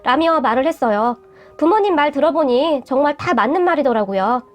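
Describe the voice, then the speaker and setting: A woman narrating a personal story in the first person, reading in a steady storytelling manner. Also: high voice, a little fast. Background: faint background music.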